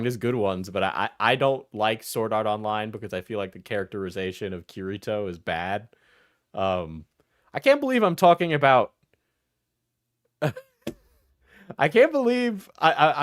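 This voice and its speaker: A man streams casual reaction commentary in a rambling, sweary way. His voice is mid-pitched, recorded close and dry with no room sound. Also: no room sound.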